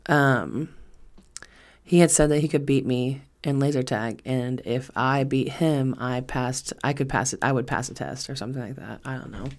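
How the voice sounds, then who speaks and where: With a bass voice at a moderate pace, this twentysomething podcast host talks alone in a casual, rambling way. Emphatic repetition and free swearing run through her chat.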